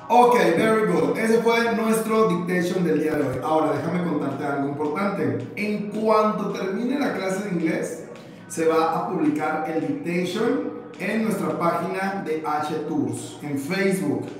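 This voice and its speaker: Upbeat high-voiced teacher, echoey hall. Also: male voice. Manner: upbeat, encouraging, mixes Spanish and English, slows for dictation. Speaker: English teacher. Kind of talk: live online English class. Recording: echoey hall, far from mic, music behind.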